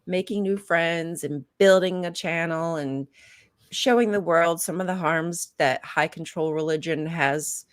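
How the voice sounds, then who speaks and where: A woman's voice: on the low side, a little slow. A female podcast co-host in casual chat, chatty and encouraging.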